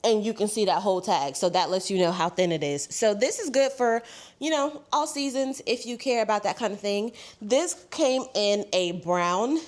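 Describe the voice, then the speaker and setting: A woman's voice: medium pitch, moderate pace. Young woman, congested, slightly breathless, casual try-on haul chat, says y'all. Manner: chatty, says "y'all" often. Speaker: fashion haul vlogger.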